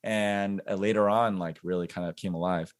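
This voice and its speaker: Reflective man in his forties, low voice. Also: fairly even intonation, moderate pace. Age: 40s. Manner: reflective, filler-heavy, laughs at himself. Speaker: podcast guest. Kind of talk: casual interview conversation.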